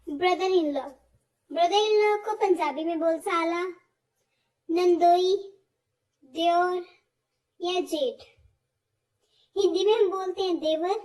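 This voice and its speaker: A woman teaching word lists, slowly repeating each word with stress. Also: very high-pitched, darkish tone. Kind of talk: explaining vocabulary, slow and repetitive. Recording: voice from far off the mic.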